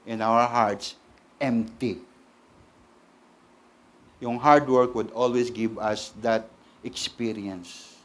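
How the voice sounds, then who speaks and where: A middle-aged man with a Filipino accent, preaching a lively sermon and asking the congregation questions. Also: mid-range voice, takes it slowly. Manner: animated, switches between Tagalog and English, asks the congregation questions. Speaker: pastor.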